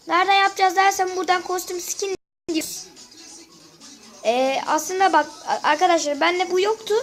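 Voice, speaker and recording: A woman's voice: very high voice, rough recording. A woman with a sore throat chatting through a casual gameplay walkthrough, constantly addressing her viewers as friends. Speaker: gaming channel host. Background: faint game music.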